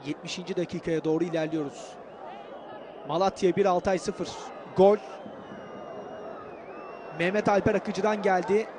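A man giving excitable, declamatory live commentary on a football match. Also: sits high, normal speed, pauses often. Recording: loud stadium crowd noise behind. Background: cheering football stadium crowd.

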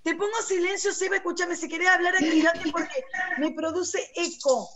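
High-voiced Argentine woman teaching online. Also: normal speed. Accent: Argentine Spanish. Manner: lively, coaxing, switches between Spanish and English. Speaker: English teacher. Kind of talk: online class, drilling vocabulary. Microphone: computer mic on a video call. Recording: noisy video call audio.

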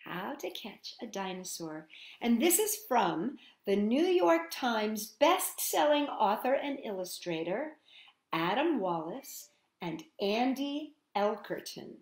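A woman's slow, reverberant voice, on the high side with big pitch swings, carries a picture-book read-aloud for young children. As storytime host she reads expressively and turns to the kids with questions, asides and sing-song greetings.

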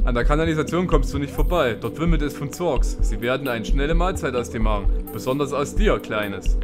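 A man's voice: medium pitch, natural voice. A man reading a game character who warns of danger, in his own plain voice.

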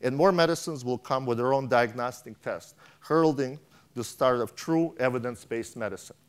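Speaking through a lapel mic, a middle-aged keynote speaker reads his prepared remarks off a tablet on a big conference stage, often stumbling and starting over. His medium-pitched voice has a clean tone and moves at normal speed.

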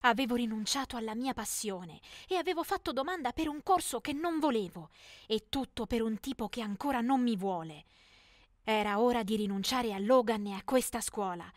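A woman's voice: fairly high pitch, no echo, clean studio sound. A young woman telling a dramatic first-person teen story in scripted narration.

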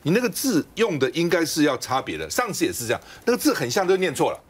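Lively fast-talking man hosting a talk show. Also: a little high, breathy edge. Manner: chatty, explanatory, ends phrases with a tag particle. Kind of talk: political commentary chat.

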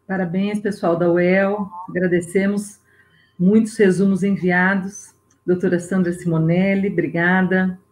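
A woman's voice: on the low side, flat delivery, measured pace, darkish tone, rough recording. Woman briefly congratulating over a video call.

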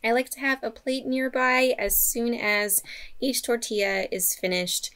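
A woman in her thirties who runs a homesteading channel narrates a cooking tutorial from her home kitchen, walking viewers through her bread recipes step by step in a friendly, instructional way. Her voice is on the high side, a little slow and a bit bright.

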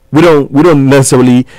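This is a dry recording of a Ghanaian guest in his thirties being interviewed on college radio with a talk show host, in a small studio. His mid-range voice is steady and darkish in tone at normal speed, and he argues his points earnestly and persuasively while often starting over.

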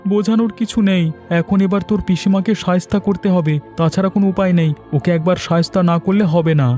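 Cartoon role: an eager village friend, played by a man, high and mellow. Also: fairly even intonation, fairly quick, soft background music, natural voice. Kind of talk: cartoon voice acting.

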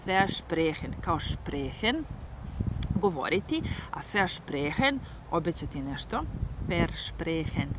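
A woman whose first language is Serbian, teaching a bilingual German lesson, repeating each phrase slowly and then translating it. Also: sits low, big pitch swings, noisy background.

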